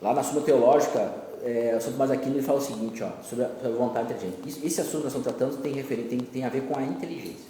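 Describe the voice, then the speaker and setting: A man's voice: mid-range voice, racing, hardly any pauses, dark tone. A man teaching a group, explaining at length and repeating key phrases. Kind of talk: lecture with group discussion. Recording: echoey room, long reverb, faint noise.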